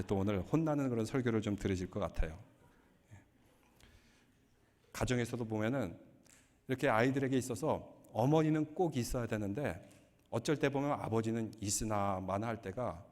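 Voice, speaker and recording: A man preaching as a pastor, mixing humorous stories into his sermon. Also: medium pitch. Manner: joking, lively storytelling. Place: church sanctuary. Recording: long hall reverb.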